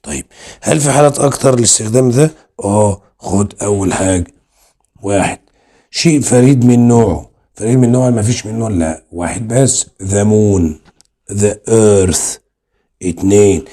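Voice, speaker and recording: A man's voice: on the low side, normal speed, warm tone. A man with an Egyptian Arabic accent teaching English grammar online, explaining step by step and asking and answering his own questions.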